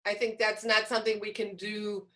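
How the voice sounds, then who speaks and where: A woman's mid-range voice stays level, at a normal speed with a slightly bright tone. She is an informal trainer addressing teachers through a video call microphone in an online meeting, explaining ideas and raising questions only to answer them.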